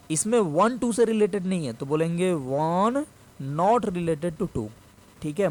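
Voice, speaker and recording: Male maths teacher, high voice, patient step-by-step explainer who repeats key terms. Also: mellow. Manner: explains step by step, repeats key phrases slowly, asks and answers own questions. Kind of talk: classroom maths lesson.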